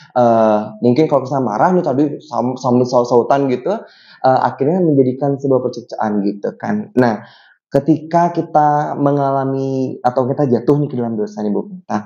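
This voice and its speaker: A young man hosts a church podcast in a relaxed, chatty way, telling a story with many fillers. His voice is mellow and dark. The recording sounds dull and lo-fi. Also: mid-range voice. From Bali, Indonesia. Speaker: podcast host. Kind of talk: casual chat.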